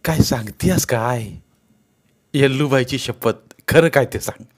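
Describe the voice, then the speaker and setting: A man's voice: mid-range voice, a little slow, natural voice. A man voicing an eager young village husband with a rural Marathi accent.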